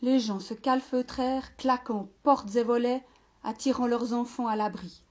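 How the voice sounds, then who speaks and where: A woman reads a picture book aloud to a listening audience, at an unhurried pace and with a fairly high voice. Her reading is expressive, and she drops now and then into whispered asides.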